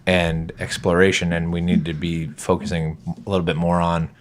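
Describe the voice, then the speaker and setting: A man with a very low voice co-hosting a casual podcast. He is agreeable and thoughtful, often backing the others up. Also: little pitch movement, moderate pace, a little hiss or hum. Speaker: podcast co-host. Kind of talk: casual chat.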